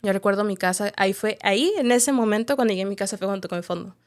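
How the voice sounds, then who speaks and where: A woman's voice: medium pitch, rapid-fire. A woman, a podcast guest giving a candid, reflective personal testimony, often ending her thoughts with a questioning "right?". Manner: candid, reflective storytelling with frequent tag questions.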